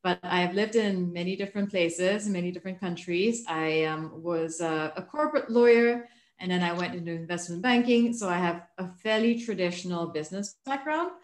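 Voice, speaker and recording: A woman in her thirties from Malaysia, a book author answering interview questions in a thoughtful, measured way with frequent fillers. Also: on the low side, echoey room. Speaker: guest, author. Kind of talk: remote interview.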